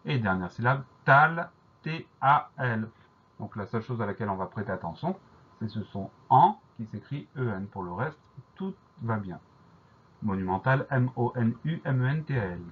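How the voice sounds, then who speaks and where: A man teaching a French spelling dictation lesson, spelling each word out letter by letter in a slow, deliberate way. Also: fairly low pitch, breathy edge, narrow, tinny audio.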